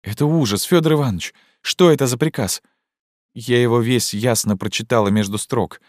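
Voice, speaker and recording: A man's voice: medium pitch, normal speed, no echo, clean studio sound, voice pushed up, natural voice. A man reading an audiobook, voicing an impulsive young woman who pleads with intense, probing questions. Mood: urgent, pleading.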